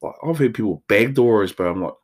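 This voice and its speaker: A man's voice: fairly low pitch, lively intonation, quick pace. Casual Māori New Zealand man co-hosting. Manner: laid-back, slangy, matey. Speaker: podcast co-host. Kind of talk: casual chat.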